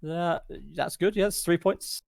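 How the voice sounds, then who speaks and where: A man's voice: high voice, fairly even intonation, unhurried, gravelly, a little mellow, no room sound, clean studio sound. A man, joking and swearing as he walks his friends through the rules of a board game over a voice call. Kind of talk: casual gaming chat over voice call.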